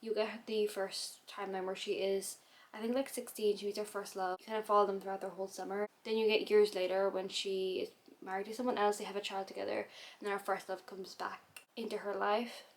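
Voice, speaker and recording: A woman rattles off a rambling, chatty talk to camera at a quick clip, her voice sitting at an ordinary middle pitch. She keeps breaking off to hiccup. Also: flat delivery. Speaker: book vlogger. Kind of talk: casual chat to camera.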